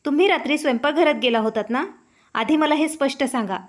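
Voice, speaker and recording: A woman voicing a harsh, sharp-tongued young wife who accuses loudly. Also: high-pitched, quick pace, close to an everyday voice. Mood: taunting. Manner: loud, accusing.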